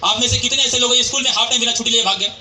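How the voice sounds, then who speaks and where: Racing along at an extremely high pitch, a man gives a storytelling motivational speech to a live hall audience at a sales meeting. Animated, he performs quoted dialogue and shouts out to the crowd.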